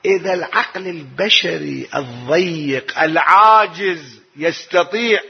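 A man's voice: a little high, measured pace, gravelly, breathy edge. A man with an Iraqi Arabic accent giving a lesson explaining the Quran, asking rhetorical questions and answering them himself. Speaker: religious teacher. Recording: dull lo-fi recording.

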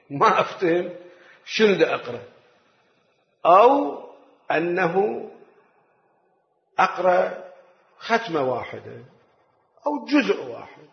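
A man preaching a religious sermon, slowing to recite scripture and speeding through quick asides in dialect. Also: fairly high pitch, gravelly. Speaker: cleric. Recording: echoey, dull lo-fi sound.

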